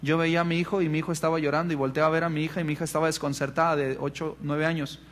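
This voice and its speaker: A man, a pastor giving an earnest conference talk, stressing key words and turning soft and confessional for personal stories. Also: fairly high pitch, flat delivery, racing. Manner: earnest preaching, emphatic rises on key words; turns soft and confessional when telling a personal story.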